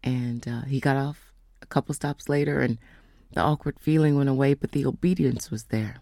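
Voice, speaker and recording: A woman telling a faith testimony in a casual storytelling way, slowing down and dropping to whispers for emphasis. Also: extremely low pitch, mellow, no echo, studio quality. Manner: storytelling, acts out quoted voices; slows down for emphasis, drops to whispers. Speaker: speaker giving a testimony.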